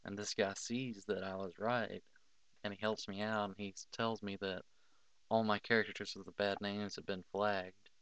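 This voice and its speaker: A man's voice: on the low side, level tone, normal speed, fairly bright tone, clean tone, no echo. A young man giving casual, blunt advice over a screen recording, swearing freely and filling with "like".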